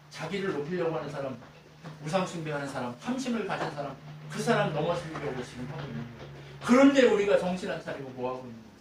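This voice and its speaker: A male pastor preaching a sermon, animated, asking the congregation rhetorical questions again and again. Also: a little high, echoey room, far from the mic, a little hiss or hum. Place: church sanctuary.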